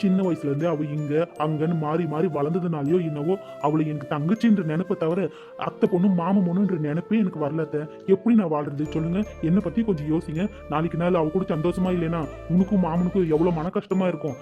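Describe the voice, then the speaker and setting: Brief: performer doing a fast-talking, argumentative young man in a cartoon, dull lo-fi sound, soft music under. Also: mid-range voice, animated, natural voice. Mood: pleading. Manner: protesting, argumentative. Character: young man, defiant son standing his ground. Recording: dull lo-fi audio with faint music.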